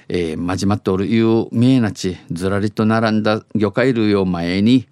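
低めの声の沖縄なまりの男性ニュース読み. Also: male voice, on the low side, darkish tone, dry recording. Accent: Okinawan. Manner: halting, phrase by phrase, restating lines. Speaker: news reader on a dialect news segment. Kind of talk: news reading, alternating standard Japanese with Okinawan dialect.

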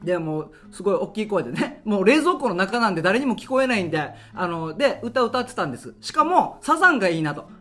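A man's voice: sits high, fast, hardly any pauses. Guy in his 30s, radio host, chatty storytelling, voice jumps all over, bit of music behind. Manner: animated, acts out voices and sound effects. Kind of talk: casual storytelling monologue.

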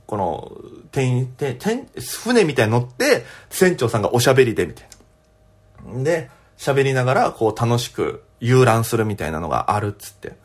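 A young man, a comedian, telling a story alone on his podcast in a chatty, animated way. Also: medium pitch, moderate pace.

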